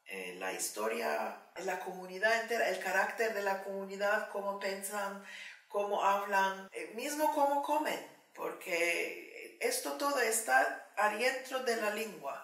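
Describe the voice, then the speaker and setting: Interviewed for a documentary, a Turkish woman whose first language is Turkish advocates for the Ladino language, speaking slowly and thoughtfully with frequent pauses and fillers. Her mid-range voice is animated and fairly bright. The sound is roomy, with the mic placed at a distance.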